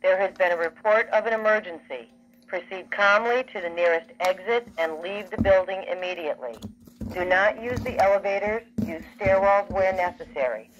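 A woman reads a formal, measured pre-recorded evacuation order, instructing listeners through a fire alarm speaker. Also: medium pitch. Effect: played through a fire alarm speaker. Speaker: evacuation announcer. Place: small alarm speaker on carpet in a room, phone recording. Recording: dull, noisy alarm speaker playback.

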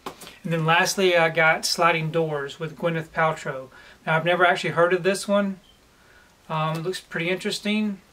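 A man in his forties talks in a relaxed, plain way, filling the gaps with um. His voice sits fairly high for a man. He sits at home in a room lined with shelves and speaks toward the camera. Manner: relaxed and plain, with frequent "um" pauses. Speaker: collector vlogger. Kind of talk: casual haul video.

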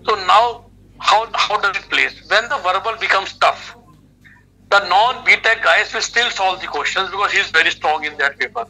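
Indian guy explaining stuff on a phone video call, really bright forceful voice, kinda high, repeats his points. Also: moderate pace, rough recording. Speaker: expert guest, education adviser. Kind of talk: explanatory interview talk. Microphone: video call on a phone speaker.

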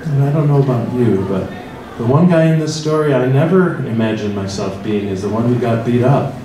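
A middle-aged man with a Midwestern American accent speaks from far across a big church hall, and his voice echoes strongly off the walls. He tells the story slowly and reflectively, addressing the listeners directly. Steady room noise sits under his words. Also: mid-range voice. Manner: slow, reflective second-person storytelling. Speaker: priest leading a church forum. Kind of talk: guided meditation and interactive forum talk. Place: large church hall with tables of people. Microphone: handheld mic, filmed from far across the room.

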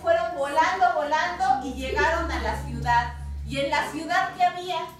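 A woman with a Mexican Spanish accent telling a story live to children, expressive and often asking them questions, in a community cultural center. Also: high voice, normal speed. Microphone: distant microphone. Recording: echoey room, distant mic.

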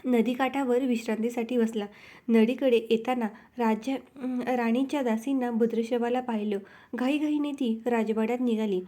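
A woman narrates a devotional story at a measured, rhythmic pace. Her voice sits fairly high for a woman, yet it sounds mellow and warm. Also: fairly even intonation.

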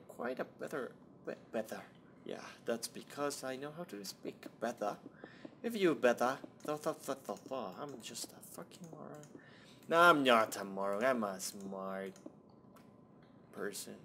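A man's voice: medium pitch, vocal fry, fairly bright tone, a little hiss or hum. A young man rambling and swearing to himself while commentating a building game, often muttering under his breath. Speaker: Minecraft let's-play host. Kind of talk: casual gameplay commentary.

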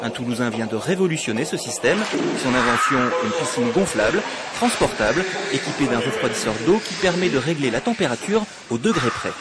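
A man's voice: medium pitch, expressive, brisk, over a noisy crowd. A man reading a scripted voice-over for a television news report. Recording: voice-over over very loud location noise.

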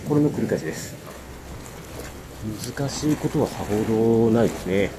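A man's voice: fairly low pitch, animated, moderate pace. A man fishing from a rocky seashore, explaining his catch and lure technique to viewers in a casual running commentary, recorded on a body-worn camera. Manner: chatty, explains technique to viewers while reeling. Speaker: fishing vlogger. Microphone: body-mounted action camera. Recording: windy seaside with wave noise. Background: wind and crashing waves.

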